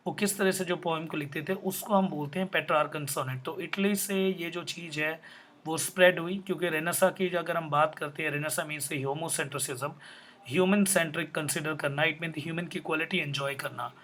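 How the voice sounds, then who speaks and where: Higher-pitched man teaching poetry. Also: steady tone, normal speed, fairly bright tone, slight background noise. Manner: explains step by step, repeats questions and answers them himself; mixes in English terms, spells words out letter by letter. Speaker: literature teacher. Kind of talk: explanatory lecture.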